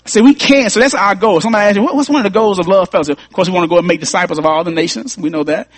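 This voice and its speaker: A man's voice: high voice, rapid-fire, no echo. A man preaching a sermon as pastor, repeating key lines and rising to emphatic peaks.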